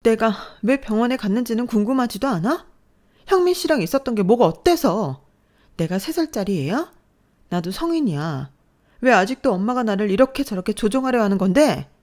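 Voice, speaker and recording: A woman performs a fragile young adult daughter, raising her medium-pitched voice a little above her natural one while keeping it close to an everyday sound. At a normal pace, she sounds expressive and upset, trembling and pleading with emotion.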